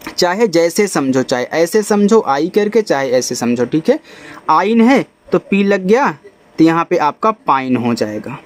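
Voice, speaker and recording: Brief: male phonics teacher, high voice, patient step-by-step explaining, slow spelling. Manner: explains step by step, spells letters out slowly, repeats and asks the class questions. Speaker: English teacher. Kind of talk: spoken phonics lesson.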